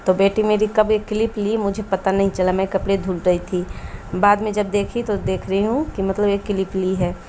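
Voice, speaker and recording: A woman chatting in a casual home vlog, often pausing to search for the right word. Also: medium pitch, level tone, warm tone, a little hiss or hum. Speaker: home vlogger. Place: home in an Indian village.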